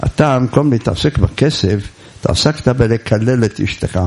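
A man voicing an older rabbi who calmly and gravely points out a man's mistake. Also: medium pitch. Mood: reproving. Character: calm, wise older rabbi giving counsel.

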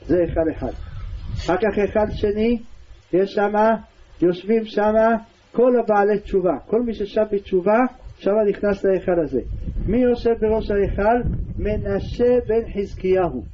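High-voiced male Torah teacher storytelling. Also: slight background noise. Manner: storytelling, animated retelling. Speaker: religious teacher. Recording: slightly dull lo-fi recording.

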